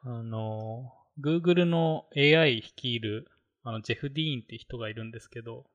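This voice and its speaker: A man's voice: mid-range voice, normal speed, fairly bright tone, dull audio. Rambling Japanese man in casual tech talk. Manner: rambling, many fillers. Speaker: podcast co-host. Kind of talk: casual tech podcast chat.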